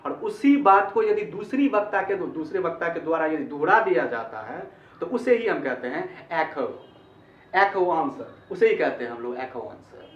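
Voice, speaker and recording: A man's voice: a little high, animated, unhurried. Guy teacher going over english grammar, repeats stuff a lot, kinda dull muffled recording. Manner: explains in Hindi, repeats phrases, asks "ठीक है?". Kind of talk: online grammar lesson. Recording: echoey, distant, dull-sounding recording.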